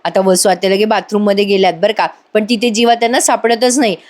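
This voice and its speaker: A woman's voice: mid-range voice, fairly even intonation, fast talker, a little mellow. A woman giving a chatty voice-over recap of a TV serial, addressing viewers directly. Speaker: TV serial reviewer.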